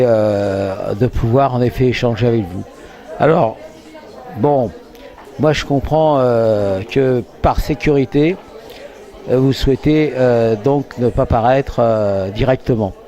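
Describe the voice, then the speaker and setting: A male journalist interviews in a warm, relaxed voice of average pitch. His delivery is conversational and halting as he searches for words. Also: dull audio, a faint crowd. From France.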